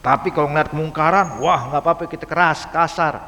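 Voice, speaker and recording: Man, preacher, relaxed slangy sermon, fairly high voice, long mosque reverb. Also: quick pace, lo-fi sound. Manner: casual Jakarta-style slang, addresses audience as hadirin. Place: mosque hall.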